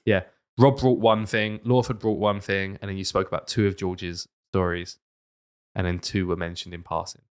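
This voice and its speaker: A British man with a fairly low voice is running a casual podcast quiz. He talks to his friends in an informal, bantering way as he sets questions and gives out points. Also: level tone, moderate pace, smooth.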